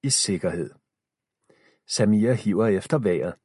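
A man narrating a children's story in the first person, expressive and shifting pace with the tension. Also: lowish voice, husky, no room sound, clean studio sound. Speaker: audiobook narrator.

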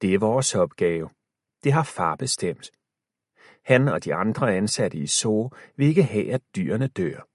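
A man narrating a children's story in the first person, expressive and shifting pace with the tension. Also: fairly low pitch, slightly rough, no echo, studio quality. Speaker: audiobook narrator.

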